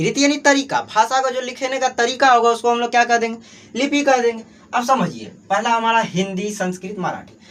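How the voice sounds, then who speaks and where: Man, Bihari Hindi accent, high-pitched, grammar teacher, self-answering questions, many fillers. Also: fairly bright tone. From Bihar, Mithila region. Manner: asks and answers his own questions, heavy filler "jo hai". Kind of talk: exam-prep grammar class.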